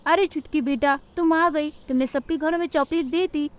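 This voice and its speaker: A woman voicing a poor, gentle mother bird in a cartoon, speaking in a soothing, motherly way. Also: sits high, steady tone, normal speed, pitched above the performer's own voice, natural voice. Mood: tender.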